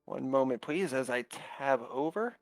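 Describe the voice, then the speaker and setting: A man's voice: mid-range voice, animated, normal speed, dry recording. Brief: male esports caster at home, bouncy, swooping delivery, dry close sound. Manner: upbeat, chatty, laughs often. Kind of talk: casual live game commentary. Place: home streaming setup.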